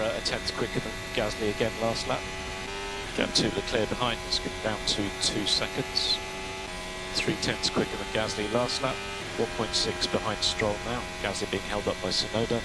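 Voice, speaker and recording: Low-voiced man on very noisy team radio. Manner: measured, instructional, reads out gaps and numbers. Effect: team radio transmission. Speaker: race engineer. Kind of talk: team radio race updates and coaching. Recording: very noisy team radio, humming, engine noise. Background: loud hum and car noise.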